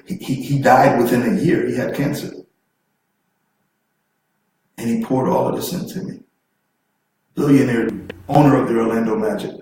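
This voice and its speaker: A man giving a preachy motivational seminar talk, fervent and repetitive, building in intensity and laughing through his words. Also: fairly low pitch. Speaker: motivational speaker. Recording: very echoey room, far from the mic, faint noise.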